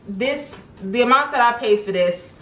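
A woman's voice: on the high side, expressive, measured pace, a bit bright, reverberant, poor audio. A young woman vlogger chatting casually at home in her kitchen, rambling with lots of "um" and "like" as she goes. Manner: chatty, rambling, many fillers. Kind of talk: casual grocery haul chat. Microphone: camera on table in front.

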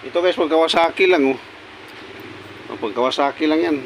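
A man's voice: on the high side, fairly quick, slight background noise, rough recording. Man narrating a repair at his bench. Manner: talks while working, many short pointing remarks. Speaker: repair technician. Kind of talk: casual repair walkthrough. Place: workshop bench.

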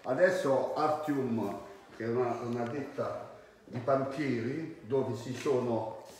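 A man in his forties explains his salon work in a casual, halting way. He talks slowly at an average pitch. The room is very echoey, with faint noise behind him. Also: darkish tone. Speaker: hairdresser. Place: indoor hair salon. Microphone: phone held a short distance away.

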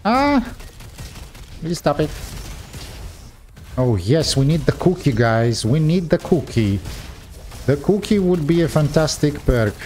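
A young man giving casual gameplay commentary, talking straight to his viewers with frequent excited exclamations. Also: on the high side, unhurried, long pauses, a little hiss or hum.

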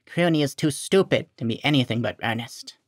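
A man's voice: medium pitch, animated, fairly quick, no echo, clean studio sound, lightly acted. A man voicing a tired old war veteran with a reedy voice, guarded and blunt. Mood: weary. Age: older.

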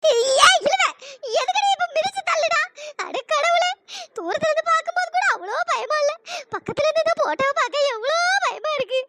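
A woman's voice: lively intonation, brisk. A woman voicing a group of squabbling village women in a cartoon, all whiny scolding banter. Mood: bickering. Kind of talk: cartoon voice acting. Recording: noisy pitched-up processed voice.

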